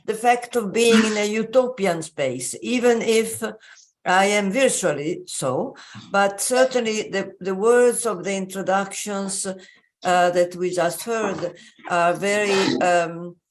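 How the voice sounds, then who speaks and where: An invited speaker whose first language is Italian gives an academic lecture remotely, speaking slowly and haltingly with many pauses and fillers. Her voice is medium-pitched, with a little hiss or hum in the audio.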